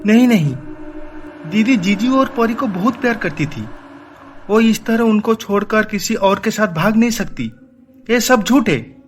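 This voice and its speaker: A man voicing a caring young uncle in an animated story, gentle with his niece and earnest. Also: sits high, a little slow, a little hiss or hum.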